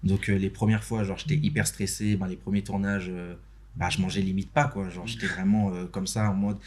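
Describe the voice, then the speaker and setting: A young Beninese podcast guest, who works as an interview host and motion designer, talks in a relaxed, halting way in the studio, often restarting and using fillers. He speaks fairly quickly in a low, somewhat mellow voice with little pitch movement.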